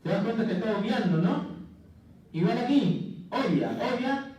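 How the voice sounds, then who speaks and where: A man lecturing to a class, animated, making jokey asides and checking in with his students. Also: extremely high pitch, measured pace. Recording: distant, muffled, echoey classroom audio.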